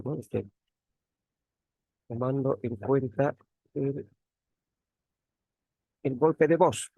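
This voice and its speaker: A man's voice: mid-range voice, vocal fry, darkish tone, breathy edge, no room sound. A man teaching an online grammar class as a teaching assistant, repeating key words and asking tag questions. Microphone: computer mic on a video call.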